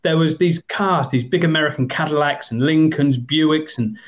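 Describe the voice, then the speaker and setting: A man's voice: on the high side, moderate pace, dull audio. A man in his fifties with an English accent, telling long rambling stories as a podcast guest, with many hesitant ums. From England. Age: 50s. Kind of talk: storytelling in a podcast interview.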